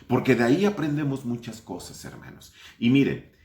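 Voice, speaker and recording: Questioning pastor, echoey room. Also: male voice, mid-range voice, very animated, normal speed, a little mellow, slight background noise. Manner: asks the congregation questions, addresses them as brothers. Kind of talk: online Sunday sermon.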